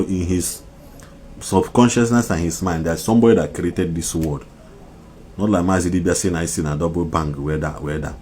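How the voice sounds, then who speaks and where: Deep guy doing an impassioned rant, flips between n english, repeats himself for emphasis, bit of background noise. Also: warm tone. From Nigeria. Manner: mixes Igbo and English, repetitive, emphatic. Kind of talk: impassioned social media commentary.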